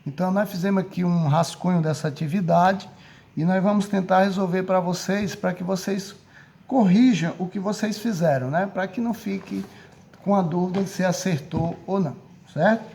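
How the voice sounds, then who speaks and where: A Brazilian man gives a recorded grammar lesson in a patient, repetitive way, stopping often to check that his students follow along. His voice sits high for a man, but its tone is soft and mellow. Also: moderate pace, vocal fry. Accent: Brazilian Portuguese. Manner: patient, repeats and checks with "certo?". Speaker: teacher.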